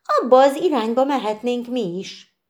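Female reader voicing an excitable young cricket, high-pitched and keen, question after question. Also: lightly acted. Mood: eager.

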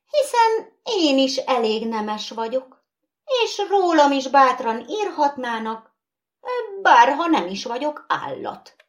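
A woman doing a high, fretful porcelain doll. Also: very animated. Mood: wistful. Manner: fretful, prim and indignant. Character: nervous, vain female porcelain doll.

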